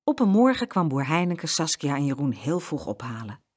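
A woman narrating a children's storybook with clear, expressive storytelling. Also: deep voice, normal speed.

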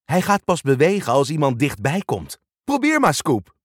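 A man reading a storybook and voicing Bob, a calm, friendly builder who explains things plainly. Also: a little high, moderate pace, dry recording, clean studio sound. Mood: instructive. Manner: calm, instructive speech.

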